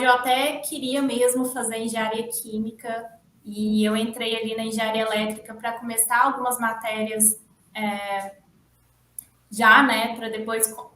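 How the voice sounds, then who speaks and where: A young woman from Minas Gerais, an electrical engineer, chatting relaxed as an interview guest. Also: on the high side. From Formiga, Minas Gerais, Brazil. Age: young adult. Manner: relaxed, chatty, with small restarts and laughs. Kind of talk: casual interview talk. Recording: echoey room, distant mic, faint noise.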